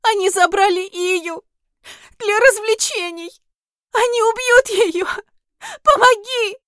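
Brief: a panicked young fairy girl, sobbing, performed by a woman, very high and strained. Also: takes it slowly, pushed and bright, no room sound, studio quality, full character voice. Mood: frantic sobbing. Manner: high frantic pleading. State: crying.

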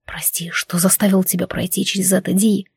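A woman voicing a tense, insistent young man who talks in a low, hushed whisper, in a storybook reading. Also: little pitch movement, moderate pace, husky, no echo, studio quality. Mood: urgent whisper.

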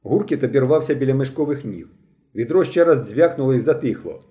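A man reading a novel aloud as an audiobook narrator, with an expressive, dramatic delivery. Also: mid-range voice, fast talker.

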